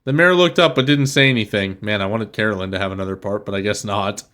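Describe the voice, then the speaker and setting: A man's voice: fairly low pitch, fast talker, a bit bright. Man sarcastically reading fan fiction aloud. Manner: sardonic asides, laughing interruptions. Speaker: podcast host.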